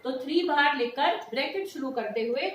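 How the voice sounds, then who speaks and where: A woman's voice: high voice, expressive, brisk, fairly bright tone, a little hiss or hum. A woman teaching chemistry in speech, lecturing students in a classroom style, often asking them questions and answering them herself. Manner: addresses students affectionately, asks and answers her own questions.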